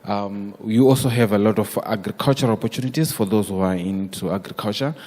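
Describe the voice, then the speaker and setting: Low-voiced man from Zimbabwe, hall echo. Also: a little fast, darkish tone. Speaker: conference delegate. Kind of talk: conference self-introduction. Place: large conference hall stage. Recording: long hall reverb.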